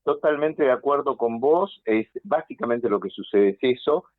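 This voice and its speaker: A man with an Argentine accent, a political consultant speaking by phone in an animated, analytical way on a radio interview. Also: medium pitch, moderate pace, dry recording. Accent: Argentine Spanish. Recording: tinny dry phone line.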